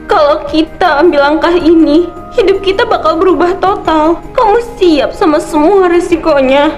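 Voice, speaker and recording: A woman voicing a frightened young woman in an animated drama, speaking timidly and hesitantly. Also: very high-pitched, moderate pace, soft background music.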